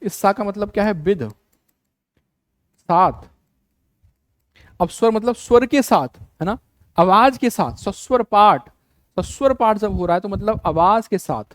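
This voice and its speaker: A man runs an exam-prep lecture in a fairly high voice, heard dry and close with no room sound. He keeps repeating the key terms and throws rhetorical questions at his students. He casually mixes English words into his teaching. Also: no room sound.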